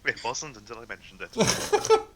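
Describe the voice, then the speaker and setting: A man's voice: mid-range voice, huge pitch swings, a little slow, fairly bright tone, a little hiss or hum. A man chatting casually as a player in a tabletop role-playing game.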